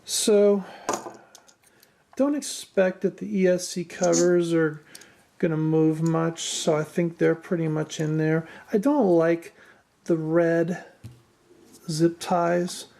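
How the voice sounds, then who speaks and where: A woman's voice: on the low side, steady tone, takes it slowly, long pauses, mellow. A woman giving a casual, unscripted build walkthrough as a hobbyist presenter, hesitant and self-deprecating, with machine noise behind her. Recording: clear machine noise in background.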